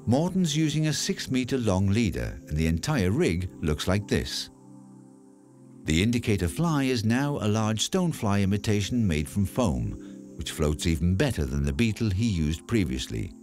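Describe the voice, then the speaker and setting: A man narrates a documentary in a calm, explanatory way. His voice sits fairly low but moves with a lively, animated pitch. Faint music plays underneath. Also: moderate pace.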